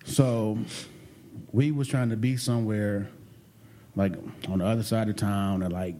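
A man co-hosting a casual talk show, telling a story in an animated, profane way. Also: lowish voice, unhurried, slight background noise. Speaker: podcast co-host telling a vacation story. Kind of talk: casual chat.

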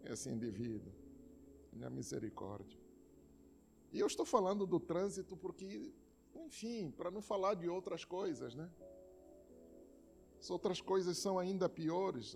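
Slow, emphatic Brazilian pastor preaching. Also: male voice, high-pitched, vocal fry, darkish tone. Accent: Brazilian Portuguese. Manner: emphatic preaching with anecdotes and repeated words. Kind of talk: sermon.

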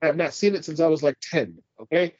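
Fast-talking and congested, this Californian podcast co-host chats casually, rambling, swearing, and laughing often. His voice is on the high side, slightly rough and darkish, in a dry, muffled recording.

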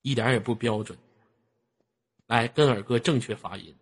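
A man with a Northeastern Chinese accent hosting a stream, teasing his guest with crude jokes, loud mockery and constant swearing, sometimes bursting into shouts. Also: medium pitch, moderate pace, breathy edge. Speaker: livestream host. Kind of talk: crude joking banter.

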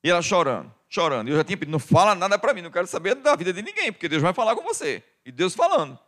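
Brazilian pastor man preaching, fairly high voice. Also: sing-song, rapid-fire. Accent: Brazilian Portuguese. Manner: addresses the congregation as "querido" constantly, swings from quiet to loud. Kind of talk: sermon.

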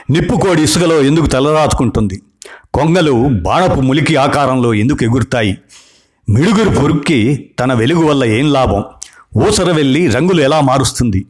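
A man at a talk reads question after question aloud from a book. His pitch sits in a plain middle range, and he keeps a steady, even rhythm all the way through. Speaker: speaker reading aloud a list of questions from a book. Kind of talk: talk reading out a list.

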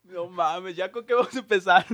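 A Mexican man with a high voice tells stories and swears casually while co-hosting a podcast. The sound is dry and close, with no room echo. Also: measured pace, a bit bright. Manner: profane, laughing storytelling banter. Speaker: podcast co-host. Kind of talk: casual chat.

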